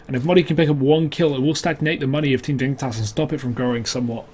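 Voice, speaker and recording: A man's voice: mid-range voice, steady tone, rapid-fire, a little mellow, slight background noise. A man commentating on an esports match as a caster, mixing clipped calls with conversational analysis.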